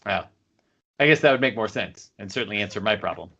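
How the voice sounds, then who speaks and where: A man's voice: lowish voice, lively intonation, quick pace, gravelly, bright, forceful tone. Guy cohosting a podcast, rambly, lots of uh and you know, kinda lo-fi sound. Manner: rambling, many fillers and restarts. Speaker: podcast co-host. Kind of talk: casual chat.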